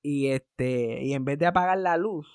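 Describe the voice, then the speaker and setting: A man hosting a podcast, telling a story in a sarcastic, animated way and acting out the voices of the people he quotes. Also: fairly high pitch, unhurried, clean tone, no room sound, clean studio sound. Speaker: podcast host. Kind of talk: casual storytelling chat.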